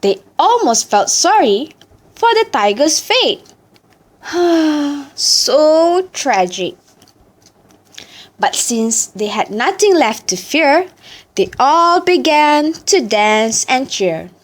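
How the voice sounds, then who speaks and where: A woman reciting a story in a deliberate, theatrical way, as practice for choral speaking. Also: high voice, very animated.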